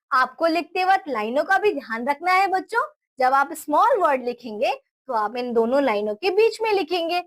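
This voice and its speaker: High-voiced woman teaching small children. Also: fairly bright tone. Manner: slow, spelling letters out one by one; encouraging, praises often. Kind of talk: children's phonics lesson.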